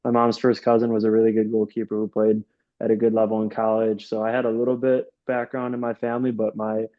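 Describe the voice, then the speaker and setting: A young soccer coach from Rochester, in upstate New York, answers interview questions in a loose, rambling way, full of fillers and restarts. His lowish voice is completely flat and he talks fast. The recording sounds lo-fi.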